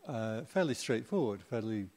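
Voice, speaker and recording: Relaxed, joking man giving a Dharma talk. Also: lowish voice, normal speed. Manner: chatty and humorous, with playful asides to the audience. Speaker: Buddhist Dharma teacher.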